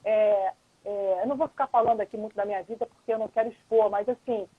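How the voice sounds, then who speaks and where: Her mid-range voice is husky and fast with a steady tone. She's a lawyer and mediator appearing as a live-stream guest, chatting casually, explaining patiently, and frequently checking that the listener is following. It's captured as dry, dull lo-fi stream audio.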